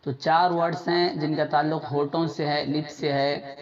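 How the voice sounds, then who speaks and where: A man teaching tajweed step by step, repeating letters and phrases slowly for learners to copy, at times chanting verses in a drawn-out melodic way. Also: on the high side, level tone. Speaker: Quran recitation teacher. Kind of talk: slow step-by-step tajweed lesson. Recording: dull lo-fi sound with crowd noise behind.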